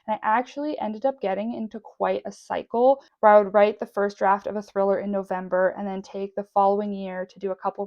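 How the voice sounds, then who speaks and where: A woman's voice: mid-range voice, a little mellow, highs cut off. A young adult woman chatting casually and enthusiastically in a solo vlog as a writer. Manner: enthusiastic, gushing. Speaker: writer vlogging about their work.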